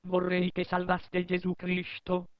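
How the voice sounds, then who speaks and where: A man's voice: high voice, monotone, unhurried, clean tone, no echo, pitched above the performer's own voice. A man voicing a small boy pleading in a comedy skit, in a dull recording. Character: small boy writing pleading letters to Santa.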